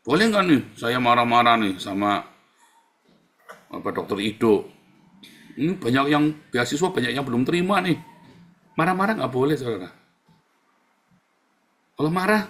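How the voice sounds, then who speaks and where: A male pastor preaching a casual sermon, talking to the congregation in a conversational, animated way with rhetorical questions. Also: mid-range voice.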